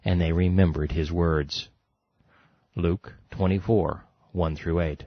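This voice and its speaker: Man reading bible verses, really low voice, slow and solemn, dull dry sound. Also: fairly even intonation, no room sound. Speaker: scripture reader. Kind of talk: measured scripture reading.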